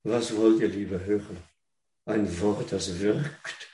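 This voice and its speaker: With a fairly low, dark voice and fairly even intonation, a man preaches slowly and carefully in German, a non-native language for him. He repeats words, starts over, and redirects questions to those listening. The sound is roomy and echoing.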